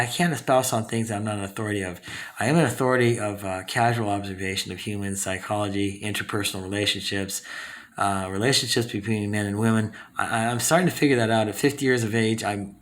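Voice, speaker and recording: Man, fifties, from southern california, low-pitched, rambling, many fillers, self-corrections. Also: a bit bright. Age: 50s. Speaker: channel host. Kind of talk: casual talking-head monologue.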